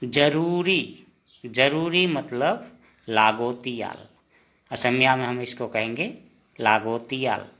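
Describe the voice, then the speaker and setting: A man giving a vocabulary lesson, saying each word slowly and repeating it several times. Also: mid-range voice, pushed and bright. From India. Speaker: language teacher. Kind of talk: slow spoken vocabulary lesson.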